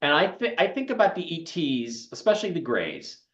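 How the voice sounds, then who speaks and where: An opinionated male host makes his points with force, his pitch swinging lively up and down. He sounds as if he is on a remote call, with a roomy echo around him. The audio is muffled and lo-fi. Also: normal speed. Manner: emphatic, opinionated, animated. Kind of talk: casual interview chat. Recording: echoey, dull lo-fi remote audio.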